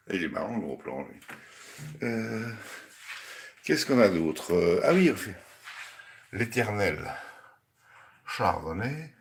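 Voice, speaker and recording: A man's voice: on the low side, big pitch swings, slow, gravelly, long pauses, a little hiss or hum. A man hosting a casual home cooking live stream from his kitchen, rambling and chatting with his viewers and his pets. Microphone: camera on a hanging mount.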